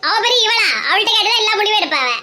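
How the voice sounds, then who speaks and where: A woman's voice: very high voice, lively intonation, rapid-fire, heavily acted. A woman playing a quarrelsome, bossy village woman in a comedy skit, scolding and mocking. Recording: loud background noise.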